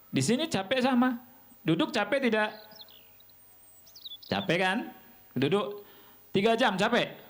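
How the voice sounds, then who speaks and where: A man from Indonesia teaching a religious lesson to children, asking them questions and answering them himself in an animated way. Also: sits high.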